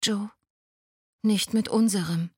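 A woman voicing a gentle young woman in an audiobook, soft, tender and calm. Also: mid-range voice, takes it slowly, slightly rough, no room sound, studio quality, voice pushed up.

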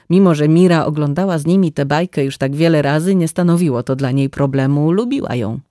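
A woman narrating a novel as a calm, measured audiobook reading. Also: low voice, no echo, studio quality.

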